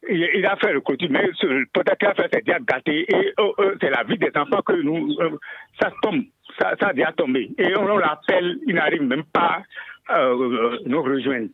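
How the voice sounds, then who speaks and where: A man calling in to a radio show, talking haltingly with many fillers and repeated words. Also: on the high side, husky, no echo. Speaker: caller. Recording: tinny phone line.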